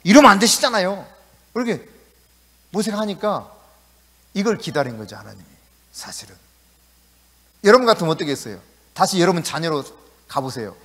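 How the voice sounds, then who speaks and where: A male pastor preaching a sermon in a lively, conversational way in a church. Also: fairly high pitch, a little fast, long pauses. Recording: echoey church hall.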